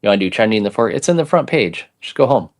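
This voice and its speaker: A man's voice: on the low side, expressive, very fast. A man co-hosting a casual live stream, dry and matter-of-fact. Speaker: co-host. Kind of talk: casual chat.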